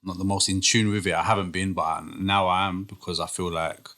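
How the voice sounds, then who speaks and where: A man in his thirties with an East London accent, a guest DJ chatting in a relaxed way on a podcast, laughing easily and using slang. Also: deep voice, a little fast. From East London, England. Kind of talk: casual podcast conversation.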